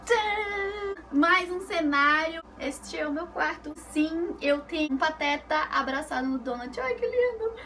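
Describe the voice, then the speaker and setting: A woman with a Brazilian Portuguese accent tells stories in a casual vlog from her bedroom, animatedly acting out the voices of the people she quotes. Her voice is high and unhurried with hardly any pauses, and there is slight background noise.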